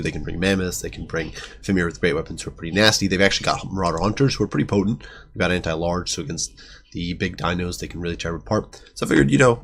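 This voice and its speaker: A man's voice: low voice, breathy edge. A man with a sick, nasal voice giving chatty game battle commentary, with many fillers. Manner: chatty, quick, lots of fillers. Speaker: gaming commentator.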